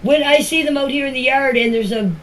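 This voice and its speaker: A middle-aged or older woman, a family member, gives her own informal account in voice clips recorded for a group chat. Her voice is high and a little fast, and she speaks plainly and emphatically, often repeating herself.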